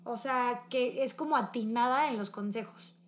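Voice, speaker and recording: A young woman with a Mexican accent, talking casually and warmly about her best friend, heavy on slang and fillers. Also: fairly high pitch, normal speed. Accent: Mexican Spanish. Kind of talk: casual emotional chat with a friend.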